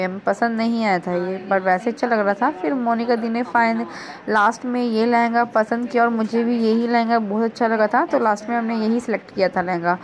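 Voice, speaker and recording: Chatty young woman vlogger, slightly high. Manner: chatty, repeats "so guys" and "bhai". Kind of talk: casual vlog narration.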